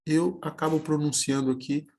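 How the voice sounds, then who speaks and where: A man teaching a video lesson, slowly sounding out example words syllable by syllable. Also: on the high side, fairly even intonation, creaky, a little mellow. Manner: slow, careful, spelling words out syllable by syllable.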